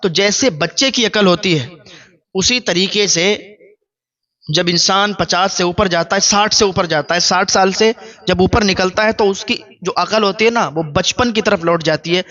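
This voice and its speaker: Forceful high-voiced male preacher. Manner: repetitive, earnest moral exhortation. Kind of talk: sermon with storytelling. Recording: dull, muffled recording.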